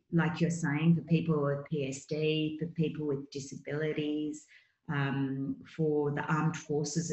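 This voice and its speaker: Woman, middle-aged, lowish voice, earnest, chatty, echoey room. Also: a little mellow, highs cut off. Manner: earnest, chatty, many fillers. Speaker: guest, horse coach. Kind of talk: casual interview storytelling.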